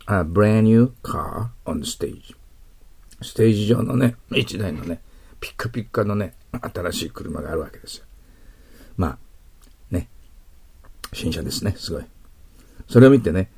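A man's voice: fairly low pitch, creaky, warm tone, husky, no echo. A man teaching English exam questions in a patient lecture, often checking in with his listeners. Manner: patient explaining, frequent tag questions.

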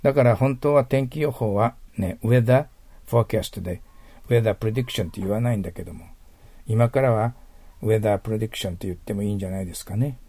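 A Japanese-speaking man gives a recorded English vocabulary lesson, breaking words into their roots step by step and posing rhetorical questions to listeners. His voice is fairly low, warm and fairly quick, with no echo.

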